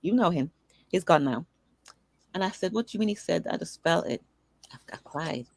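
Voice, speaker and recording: Woman, middle-aged, interview guest, animated storytelling, slight fry, close dry sound. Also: lowish voice, a little fast, no echo. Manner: animated storyteller who acts out dialogue. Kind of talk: conversational storytelling.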